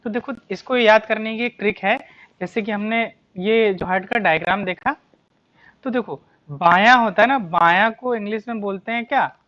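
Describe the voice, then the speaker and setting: Muffled teacher quizzing the class. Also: medium pitch. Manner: asks rhetorical questions and answers them, repeats key terms; reads English questions slowly, explains in Hindi. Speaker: biology teacher. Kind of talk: exam-prep lecture explaining answers.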